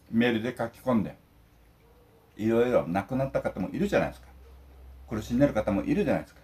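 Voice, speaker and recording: A man's voice: lowish voice, darkish tone. An older man ranting indignantly and emphatically to his viewers while eating lunch at home. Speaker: vlogger.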